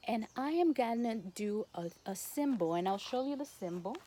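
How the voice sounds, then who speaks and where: A woman with a Spanish accent gives guided spiritual instruction to the camera as a Reiki teacher, speaking non-native English in short, halting phrases. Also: fairly high pitch, expressive, mellow. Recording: noticeable background noise.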